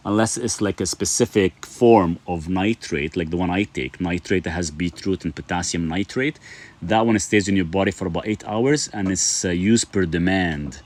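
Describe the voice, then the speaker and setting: Speaking in a low voice, a middle-aged Lebanese host reads viewer comments out loud during an informal live stream. He answers them conversationally, his talk full of filler words.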